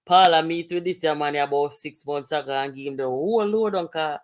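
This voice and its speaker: A Jamaican co-host talking in patois on a casual talk show. The voice sits at a middle pitch, animated and exclamatory, with frequent laughter running through the talk. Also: brisk.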